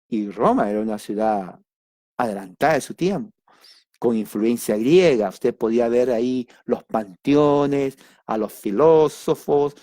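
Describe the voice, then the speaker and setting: A man's voice: medium pitch, darkish tone, no room sound, clean studio sound. A man giving an informal Bible study lesson, talking conversationally and addressing listeners directly, with emphatic asides. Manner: emphatic asides and sudden exclamations. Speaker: Bible teacher.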